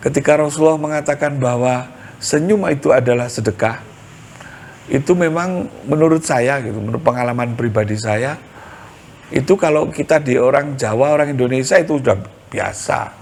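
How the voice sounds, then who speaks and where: A man's voice: medium pitch, a little hiss or hum. A middle-aged man with a Javanese accent, preaching to a women's study group with humor and acted-out dialogue. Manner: humorous storytelling, acts out dialogue. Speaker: Islamic preacher.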